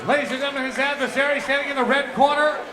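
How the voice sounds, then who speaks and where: A man working as a fight ring announcer, shouting drawn-out, formal introductions in boxing style. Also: extremely high pitch, steady tone. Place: live fight arena. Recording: echoey PA in noisy crowded arena. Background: loud crowd.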